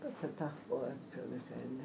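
A woman's voice: very deep voice, fairly even intonation, moderate pace, creaky, dark tone, a little hiss or hum. A woman in casual conversation, insisting and scolding as her partner reads a poem aloud. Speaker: listener, reading partner. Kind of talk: casual chat.

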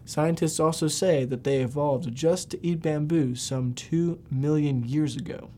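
A man narrates scripted podcast facts in a somewhat high, relaxed and mellow voice. He reads aloud and now and then stumbles on a word. A faint low rumble sits behind him. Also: a little slow. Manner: reading aloud with occasional stumbles. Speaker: podcast host.

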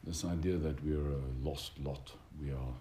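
Very deep, donnish, mellow male lecturer. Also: fairly even intonation, moderate pace. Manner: donnish, formal, hesitant academic phrasing. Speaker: religious teacher lecturing a group. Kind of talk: reflective spiritual lecture, unscripted. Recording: roomy echo with background noise.

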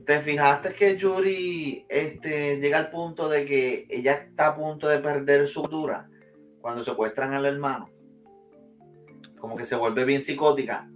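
A man's voice: on the high side, steady tone, a little slow, soft background music. A man hosting a casual anime discussion, steering the talk with questions in a conversational way. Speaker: host.

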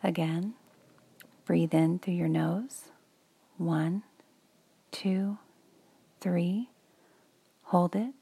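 Slow whispering woman guiding a meditation. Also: fairly low pitch, steady tone, gravelly, slightly rough, dry recording, poor audio. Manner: soft whispery delivery, slow and soothing. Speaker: meditation guide. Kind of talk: guided meditation for children.

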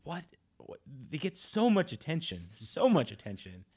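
A man's voice: on the high side, wildly swooping pitch, normal speed, dark tone, breathy edge. A man co-hosting a casual sports podcast, talking loosely with restarts and frequent laughs. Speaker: podcast co-host.

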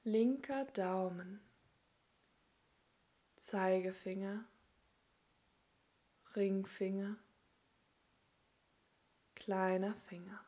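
In a mid-range voice, a female yoga instructor talks listeners through relaxation with soft, calm, short phrases and lengthy pauses.

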